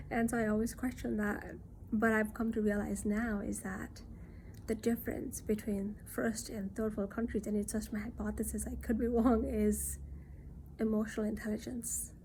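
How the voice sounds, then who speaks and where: A woman from Nepal, talking in an earnest, reassuring monologue that often drops into soft near-whispers. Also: fairly high pitch, a little hiss or hum. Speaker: self-reflection vlogger. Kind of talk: casual reflective monologue.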